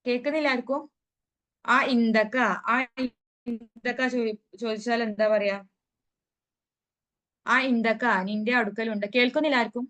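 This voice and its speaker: A woman teaching an online grammar lesson over a video call, asking her students questions and then answering them herself, and reading vocabulary out slowly. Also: on the high side, steady tone, fairly bright tone. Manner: recites Arabic words slowly. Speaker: Arabic teacher. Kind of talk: online class explaining grammar.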